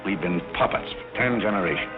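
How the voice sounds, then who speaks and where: A deep-voiced gentleman butler played by a man in an old 1930s screwball comedy. He is formal, measured and wry, on a dull vintage film soundtrack with music playing strongly behind him. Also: natural voice. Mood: reflective. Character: dry, dignified gentleman working as a butler. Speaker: actor in a film.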